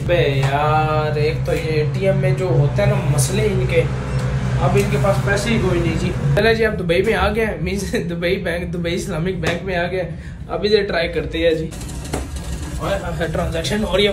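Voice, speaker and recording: A man from Pakistan chatting casually to camera in a vlog, excitable and exclaiming often, recorded outdoors on a noisy phone. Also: high-pitched. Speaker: vlogger.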